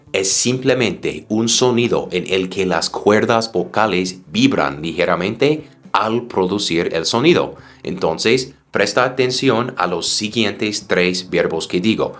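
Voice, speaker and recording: A man teaching English pronunciation, modeling words slowly and carefully for his students. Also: low voice, fairly bright tone. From United States.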